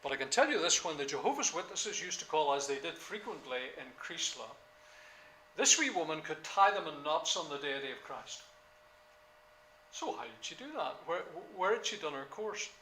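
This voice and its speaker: Male lecturer, older, bright voice, echoey room, hesitant then emphatic. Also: fairly high pitch, very animated, a little hiss or hum. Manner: halting with many fillers, then emphatic. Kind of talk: classroom lecture.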